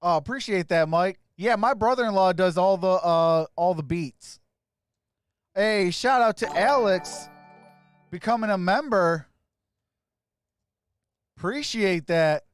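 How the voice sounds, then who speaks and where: A man hosting a sports live stream, casually greeting viewers by name and giving shout-outs as he reads their comments. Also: high-pitched, slow, long pauses, smooth, no echo, faint music behind.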